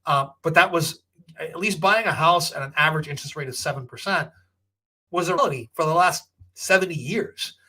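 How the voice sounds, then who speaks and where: A man's voice: fairly high pitch, a little fast, bright, forceful tone. An American man hosting a casual question-and-answer talk, giving opinionated, off-the-cuff explanations and checking in with the listener as he goes. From Texas, United States. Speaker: host answering viewer questions on finance.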